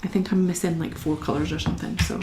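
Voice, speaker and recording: A woman's voice: fairly low pitch, steady tone, quick pace, a little mellow, reverberant, slight background noise. A young Scottish woman chatting with viewers as she colours during a live stream. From Scotland. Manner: chatty, talks to viewers while working. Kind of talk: casual chat while colouring.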